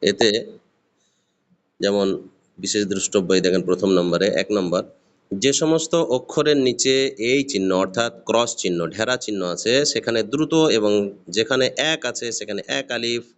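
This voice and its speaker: A man's voice: fairly low pitch, moderate pace. A man with a Bangladeshi Bengali accent, giving a patient recorded lesson on reading Arabic letters and sounding them out one by one. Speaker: Arabic alphabet teacher.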